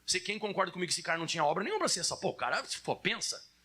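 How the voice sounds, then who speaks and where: A man's voice: sits high, sing-song, rapid-fire, pushed and bright, husky. A Brazilian man preaching a sermon in a conversational way, speaking straight to his congregation. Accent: Brazilian Portuguese.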